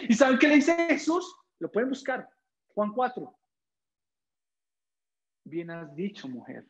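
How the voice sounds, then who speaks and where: A young man preaching a sermon as pastor, firing rhetorical questions and dropping to a hush when quoting Jesus. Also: sits high, rough recording. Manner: drops to soft, quiet tones when quoting Jesus.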